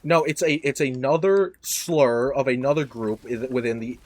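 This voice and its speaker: Young male podcast host, rambling, self-deprecating, prone to loud outbursts. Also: medium pitch, normal speed, no room sound. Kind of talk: casual chat.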